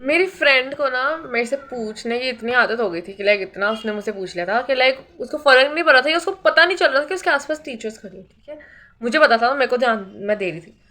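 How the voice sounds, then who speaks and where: Young woman vlogger, high bright voice, lively casual storytelling. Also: quick pace. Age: young adult. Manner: animated, mixes Hindi and English.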